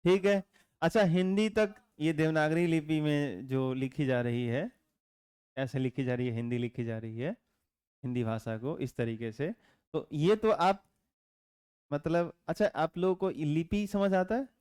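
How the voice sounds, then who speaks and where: A man teaches a class at a steady, patient pace. His voice is smooth and sits a little high, and the dry sound carries little room echo. He keeps asking his students whether they have understood. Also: measured pace. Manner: asks the class frequent check questions; calm explaining tone with teasing asides. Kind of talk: classroom lecture. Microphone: camera mic in classroom.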